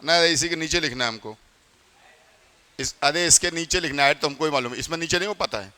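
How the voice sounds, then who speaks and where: A man with a high, bright voice lectures a classroom in north Indian Hindi, chatty and quick to quiz his students. His voice rings with the long reverb of a hall. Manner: chatty, quizzes students often. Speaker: teacher.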